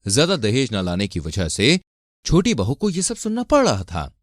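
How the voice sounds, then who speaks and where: A male narrator reads out a cartoon family story. His delivery swings freely up and down in pitch, and the sound is dry and close. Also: normal speed, no echo. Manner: lively storytelling.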